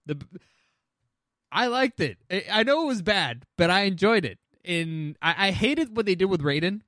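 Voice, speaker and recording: Working through a ranked list of movies in casual podcast chat, this co-host is opinionated and expressive, casually cursing and restarting sentences. His fairly high, slightly bright voice moves at a moderate pace, recorded close and dry with no echo.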